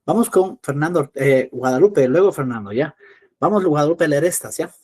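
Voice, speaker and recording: A man teaching an English class in Spanish, patiently repeating words slowly to drill pronunciation. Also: a little high, lively intonation, a little mellow.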